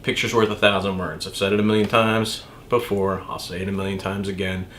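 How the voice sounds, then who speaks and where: A tattoo artist telling a rambling, profane story in a casual, chatty way. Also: male voice, low voice, flat delivery, fairly quick, a bit bright, slight background noise.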